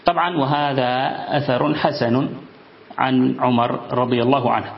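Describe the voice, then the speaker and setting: A man giving an Islamic studies lesson, reading from a book and explaining it in a measured way with thinking pauses. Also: medium pitch, vocal fry, slight background noise. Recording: roomy, dull lo-fi sound.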